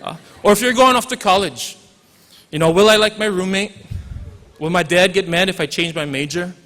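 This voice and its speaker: This forties-aged man from Hawaii, a teacher, makes a casual commencement speech sprinkled with jokes and Pidgin phrases. His Hawaiian-accented voice is high-pitched and a bit bright, moving at a normal pace, and the large hall gives the recording a reverberant quality.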